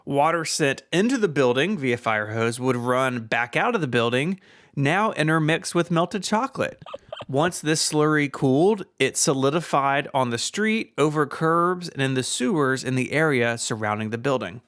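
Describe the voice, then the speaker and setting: Brief: male podcast co-host, easy laughing banter, mid pitch, dry close mic. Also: moderate pace, dry recording. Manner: laughs often, relaxed banter. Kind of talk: casual podcast chat and ad read.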